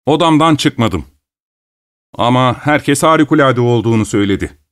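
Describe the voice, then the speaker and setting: A man's voice: medium pitch, animated, normal speed, fairly bright tone, clear, resonant tone, natural voice. A man voicing a carefree, eager male office colleague who talks cheerfully and offhandedly. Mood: offhand triumphant.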